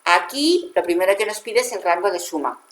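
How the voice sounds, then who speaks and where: A woman's voice: mid-range voice, expressive, brisk, roomy sound. A woman with a Spanish accent from Spain, patiently explaining a spreadsheet tutorial step by step and correcting herself as she goes. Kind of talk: screen-recorded software tutorial.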